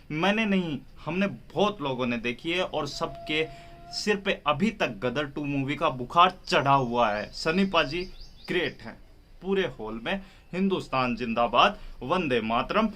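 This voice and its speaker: A man's voice: on the high side, fairly bright tone. A man hosting a reaction video, mocking a film review in a heated, sarcastic way.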